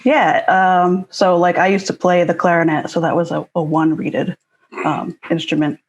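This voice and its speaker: A woman from Connecticut, a guest musician chatting casually on a live stream, hesitant with many fillers and soft laughs. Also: lowish voice, little pitch movement, moderate pace, slight background noise.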